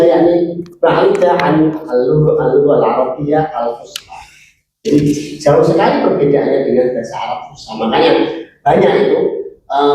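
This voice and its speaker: Male lecturer, somewhat raised pitch, questions the class as he teaches; roomy classroom sound. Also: a little mellow, slight background noise. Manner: mixes Arabic phrases into Indonesian, asks the class questions.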